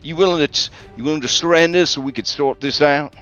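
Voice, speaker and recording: A man voicing a composed gunslinger in a tabletop game, measured and pointed in what he says. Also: a little high, a bit bright, dull audio, voice pushed up, close to an everyday voice.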